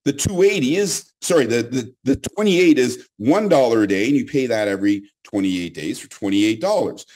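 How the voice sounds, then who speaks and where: A man presenting a pay plan in an excitable sales pitch, repeating big figures and correcting himself as he goes. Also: moderate pace.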